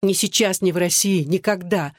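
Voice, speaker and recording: A woman's voice: fairly low pitch, moderate pace, dry recording, studio quality, close to an everyday voice. An audiobook reader voicing a desperate young woman who pleads through tears and murmurs. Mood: tearful anger.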